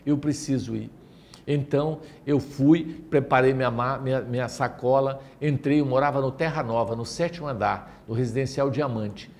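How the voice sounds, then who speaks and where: Man, middle-aged, Brazilian accent, spiritist lecturer, emotional storytelling, halting restarts. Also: mid-range voice, steady tone, a little mellow. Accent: Brazilian Portuguese. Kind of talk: personal testimony talk.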